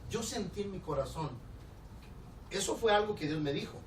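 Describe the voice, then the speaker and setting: Man, Mexican accent, pastor, animated storytelling sermon, lively swinging pitch, distant mic, echoey church hall. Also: moderate pace. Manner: animated, laughing, acts out the people in his story. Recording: roomy, distant church recording with background noise.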